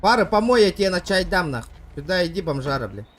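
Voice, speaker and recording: Male game streamer, high animated voice, combative swearing, faint background noise. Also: quick pace. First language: Yakut. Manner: brash, combative, heavy swearing. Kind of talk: casual live game stream chat.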